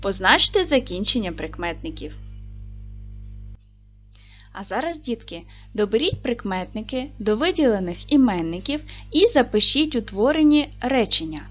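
A woman teaching a recorded lesson for primary school children, speaking clearly and patiently to the class. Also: on the high side, very animated, normal speed, fairly bright tone, faint music behind.

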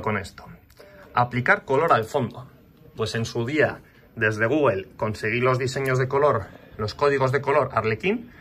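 A man walking viewers through a design website in a relaxed, chatty tutorial, talking to the audience as he clicks. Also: medium pitch, slightly rough. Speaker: channel host. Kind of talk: casual screen walkthrough tutorial.

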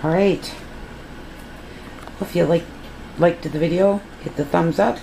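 A woman's voice: lowish voice, slow, creaky, warm tone. A woman vlogger in her home kitchen, chatting casually and explaining each step to her viewers. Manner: chatty, instructive, addresses viewers as guys. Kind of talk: casual how-to vlog. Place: home kitchen with electric glass-top stove. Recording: noisy kitchen with hissing steam. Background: steam and cooking sounds from a pressure canner.

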